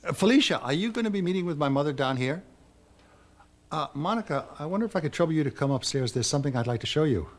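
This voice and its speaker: An actor playing a playful, flirtatious middle-aged husband, a little sheepish, in daytime soap acting, with a husky voice. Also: male voice, a little high, animated, quick pace, close to an everyday voice. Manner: flirtatious, teasing.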